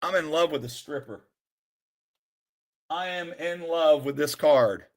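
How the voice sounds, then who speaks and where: A man streaming live as he sorts through a collection, calling out names with bursts of excitement and then dropping into quiet muttered asides. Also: fairly high pitch, measured pace. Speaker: sports card streamer opening a collection. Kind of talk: live-stream commentary while sorting cards.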